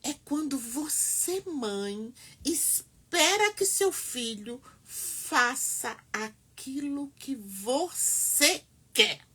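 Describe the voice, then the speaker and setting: A middle-aged woman giving earnest, emphatic advice to mothers, with dramatic pauses. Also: high-pitched, animated, bright, forceful tone, breathy edge. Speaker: family counselor speaking to mothers. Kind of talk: heartfelt advice talk to camera.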